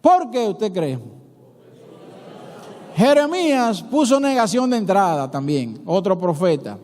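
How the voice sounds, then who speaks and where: A man's voice: sits high, slow. A male pastor with a Dominican Spanish accent preaching a sermon, telling stories conversationally and asking his congregation rhetorical questions. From Dominican Republic. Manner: animated storytelling, acting out dialogue between biblical figures. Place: church sanctuary. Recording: long church reverb.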